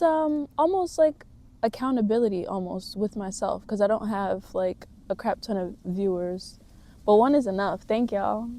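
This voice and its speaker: A woman's voice: medium pitch, mellow. A woman talking to camera in a casual vlog, reflective and motivational, rambling a little with fillers. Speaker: vlogger.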